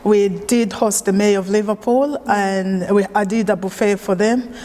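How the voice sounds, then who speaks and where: In a large hall, a woman chef from Uganda recounts her story for an oral history interview in an unhurried, mid-range voice. She sounds relaxed and conversational, often using fillers.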